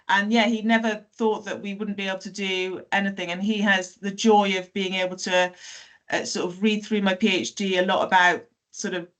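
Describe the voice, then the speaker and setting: A woman from South Wales who works as a teacher, telling personal stories in a relaxed podcast chat with frequent fillers and self-corrections. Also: mid-range voice. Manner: chatty, many fillers and self-corrections, light laughs. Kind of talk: casual conversational storytelling.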